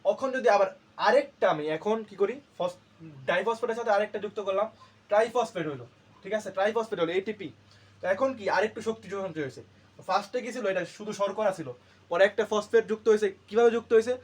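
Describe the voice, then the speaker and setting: A man's voice: sits high, quick pace, breathy edge. A male teacher giving a classroom lecture, asking questions and answering them himself and repeating key terms to drill them. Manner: asks and answers his own questions.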